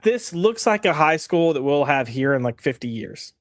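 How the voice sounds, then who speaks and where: A man's voice: on the high side, sing-song, normal speed, no room sound, studio quality. A man co-hosting a casual comic review chat, frank and exasperated, rambling with fillers.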